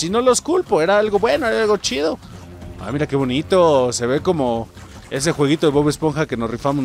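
A young Mexican man giving chatty, excitable commentary while playing a game and calling out to his viewers. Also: fairly high pitch. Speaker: gaming YouTuber. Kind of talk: let's play commentary.

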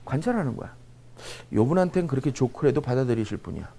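Lively joking male lecturer. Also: mid-range voice, quick pace, creaky. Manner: joking, animated, peppers talk with rhetorical questions. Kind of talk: humorous lecture to a live audience. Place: lecture room with an audience.

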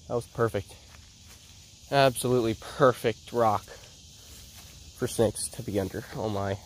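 A young man with a congested, stuffy, medium-pitched voice speaks at a measured pace while searching outdoors in the woods, recorded on a head-mounted action camera with a little hiss or hum. As a vlogger, he chats casually and excitedly, narrating his own search.

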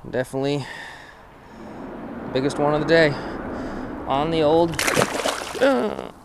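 Heavy noise fills this head-cam clip of a young fishing vlogger on a creek bank under a bridge. His voice sits on the high side, expressive and a little slow, as he rambles to camera in a laid-back, self-deprecating way, full of "uh"s.

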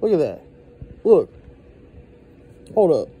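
Man, slightly high pitch, mellow tone, blunt, profane, exasperated, casual phone-recorded review, indoors. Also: very animated, takes it slowly, slightly rough, highs cut off. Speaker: product reviewer. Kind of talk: casual handheld video rant. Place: indoors at a desk. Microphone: handheld phone.

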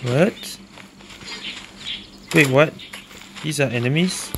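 A woman's voice: sits low, takes it slowly, noisy background. A woman giving casual let's play commentary, often tagging remarks with a questioning eh. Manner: ends remarks with "eh". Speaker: gamer playing and commenting.

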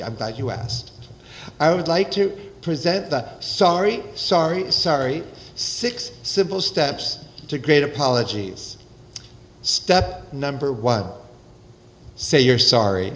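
An older man, a rabbi, preaching a sermon at a podium microphone in a synagogue, animated and wry, with lively gestures. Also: fairly high pitch, slow, rough recording. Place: synagogue sanctuary, indoors.

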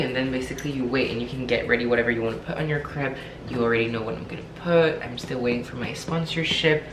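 A man's voice: mid-range voice, noisy background. A young man from France, chatting playfully and joking at himself while demonstrating recipes in his home kitchen. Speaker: cooking vlogger. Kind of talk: casual cooking demonstration. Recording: echoey kitchen with clattering dishes.

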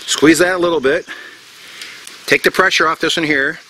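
Bright-voiced man teaching knots outdoors. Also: a little high, steady tone, moderate pace, a little hiss or hum. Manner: plain, step-by-step, repeats himself with fillers. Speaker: bushcraft instructor. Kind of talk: casual outdoor knot demonstration. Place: outdoors in tropical forest.

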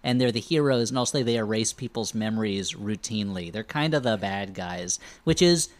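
A man's voice: lowish voice, moderate pace. A man hosting a comedy podcast, recapping a movie with wry, jokey asides. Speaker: podcast host.

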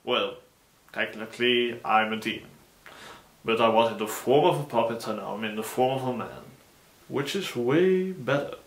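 A man's voice: mid-range voice, lively intonation, moderate pace, close to an everyday voice. A man voicing a grandiose, theatrical male demon who makes pompous, dramatic proclamations. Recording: roomy echo.

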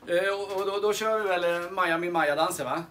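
A man's voice: high-pitched, sharp tone. A man hosting a live sing-along, chatting casually with many fillers and restarts. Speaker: sing-along host and guitarist. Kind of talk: casual live-stream chat. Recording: guitar playing behind voice. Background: guitar music.

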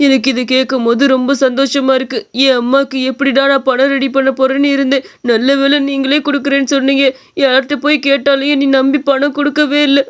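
A woman's voice: high-pitched, little pitch movement, brisk, lightly acted. Woman voicing a hungry, pleading poor boy. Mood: pleading, grateful. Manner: pleading and grateful. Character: poor hungry young boy, polite and tearful.

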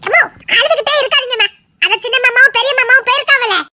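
A woman's voice: very high-pitched, fast talker, sharp tone, full character voice. A woman voicing a fretful, outspoken village mother-in-law, in a family drama.

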